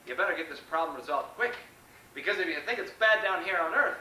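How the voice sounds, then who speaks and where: Casting: male stage actor as a high-pitched, grandiose, deluded starship captain, indignant, halting with dramatic pauses, comic monologue, recorded in an echoey room. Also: lively intonation, sharp tone. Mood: exasperated. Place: indoor stage performance. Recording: roomy, distant mic, noisy stage recording.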